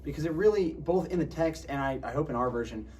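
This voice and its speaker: A man's voice: on the high side, animated, fast, darkish tone. Guy chatting thru his film project, casual explainer, mic kinda far, bit of background noise. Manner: conversational, seeks agreement with tag questions. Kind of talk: informal explanatory commentary.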